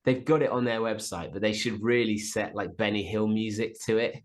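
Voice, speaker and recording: Easygoing low-voiced man. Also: steady tone, brisk, a little hiss or hum. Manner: easygoing, hesitant, dry teasing humor. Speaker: podcast co-host. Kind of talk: casual chat.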